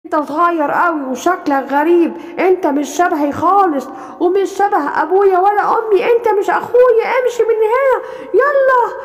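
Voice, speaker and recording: A woman playing an arrogant Egyptian lion cub prince. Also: a little fast. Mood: haughty. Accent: Egyptian Arabic. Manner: arrogant, dismissive, lower voice. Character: proud bossy young male lion cub prince. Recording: long hall reverb.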